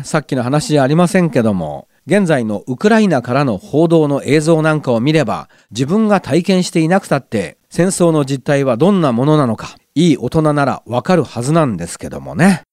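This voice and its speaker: A man's voice: a little high, a little mellow, no room sound, studio quality. Chatty middle-aged male radio host. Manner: chatty, musing, wry asides. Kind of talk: casual radio talk. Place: radio studio.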